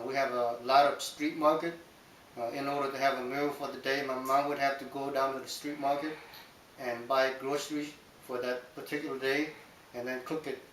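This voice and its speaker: A middle-aged man from Vietnam, describing his childhood in an oral history interview in a steady, matter-of-fact way with frequent ums. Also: mid-range voice. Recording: roomy, distant mic with hiss.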